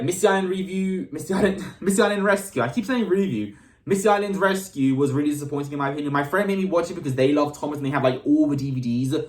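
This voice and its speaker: In an upbeat, relaxed session, a man from the UK reads fan questions aloud and answers them, often starting his words over. His voice is fairly high, with a reverberant sound around it.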